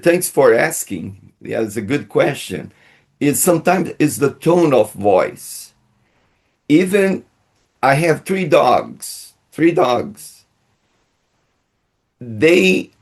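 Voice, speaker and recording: A man giving a teaching talk in a webinar through an interpreter, halting and restarting often, on a video call. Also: fairly high pitch, a little mellow. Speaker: guest speaker and missionary.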